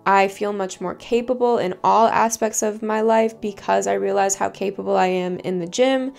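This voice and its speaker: A woman in her twenties, a fitness vlogger, talking in an earnest, relaxed way with plenty of "like" fillers. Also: mid-range voice, moderate pace, creaky. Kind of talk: casual advice vlog. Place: bedroom, home studio and parked car.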